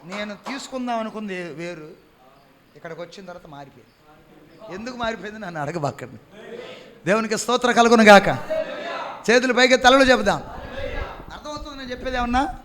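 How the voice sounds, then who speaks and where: A man preaching a sermon, quizzing the congregation and stretching key phrases slowly and loudly. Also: high-pitched.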